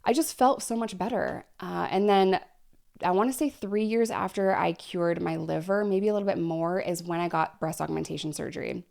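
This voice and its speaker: A woman in her thirties talks candidly into her desk microphone for a personal vlog. Her voice sits low, with a gravelly fry at the edges. She is short of breath and keeps pausing for deep breaths as she chats. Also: darkish tone. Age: 30s. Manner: frank, chatty, breathy pauses for deep breaths. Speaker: vlogger.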